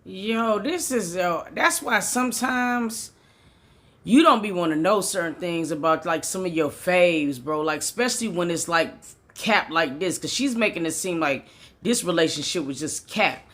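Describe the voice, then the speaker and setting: A man's voice: high-pitched, animated, normal speed, a bit bright. A man giving casual, slangy reaction commentary on a clip he is watching. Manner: slangy, exclaiming.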